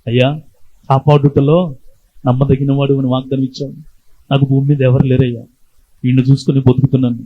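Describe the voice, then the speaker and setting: A man's voice: mid-range voice, level tone, a little fast, pauses often, husky, highs cut off, lightly acted. A male preacher voicing a poor widowed mother who begs for help for her sick child. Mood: pleading. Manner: pleading, repeated cries.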